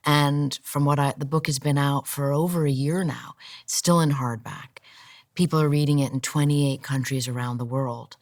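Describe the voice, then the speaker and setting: A woman with a very deep voice speaks as an author and journalist guest in an interview. She sounds earnest and grave, and sometimes drops almost to a whisper. The recording is dry and close. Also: no echo. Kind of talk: interview answers.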